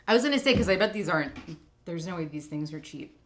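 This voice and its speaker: A woman's voice: fairly low pitch, lively intonation, fast. A woman co-hosting a food taste test, chatting loosely with lots of filler words. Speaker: co-host of a food review show. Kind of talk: casual taste-test chat.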